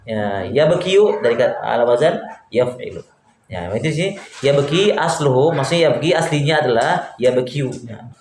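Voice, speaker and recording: A man's voice: medium pitch, animated, normal speed, a little mellow. Man teaching grammar in an echoey classroom. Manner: quizzes students and repeats answers. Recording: echoey room, faint background hum.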